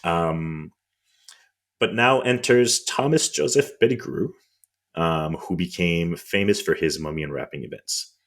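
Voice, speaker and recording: A man's voice: low-pitched, unhurried. A man with a French accent, co-hosting a podcast and telling history in a conversational way with wry, indignant asides. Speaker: podcast co-host.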